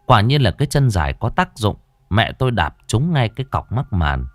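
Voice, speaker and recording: Deep-voiced man telling a ghost story. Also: sing-song, dry recording. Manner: slow, dramatic storytelling.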